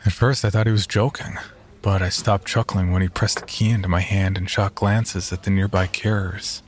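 A man narrating a first-person horror story in a measured, storytelling tone. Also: sits low, flat delivery.

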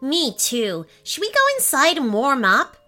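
A woman voicing a cheerful young boy in a children's storybook, eager and excited. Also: high-pitched, measured pace, voice pushed up, exaggerated voice.

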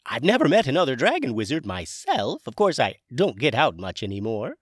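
A man voicing a genial, eccentric old dragon wizard with a high, airy, chatty voice. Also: huge pitch swings, fairly quick, breathy edge, no room sound, clean studio sound.

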